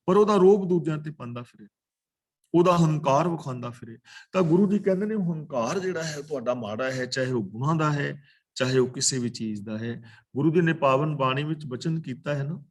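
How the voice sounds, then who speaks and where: A man giving a religious lecture over a video call, explaining scripture slowly and chanting the verses he quotes. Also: medium pitch. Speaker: katha preacher.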